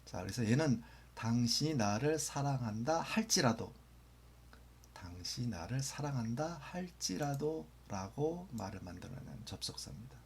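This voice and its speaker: A man's voice: mid-range voice, expressive, normal speed, vocal fry, a little hiss or hum. A man teaching English grammar in a lecture, patiently repeating phrases and sometimes dropping almost to a whisper for example sentences.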